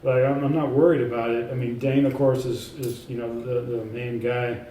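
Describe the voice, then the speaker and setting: A man being interviewed about his own work, talking in a loose, rambling way full of fillers and restarts but sure of himself and emphatic. His voice is mid-pitched and mellow. He sits a little back from the mic in an echoey indoor room, with a faint hum of ambience behind him. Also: steady tone, normal speed, recorded from a distance. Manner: emphatic, self-assured. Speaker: author and researcher, interview guest. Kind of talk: casual in-person interview.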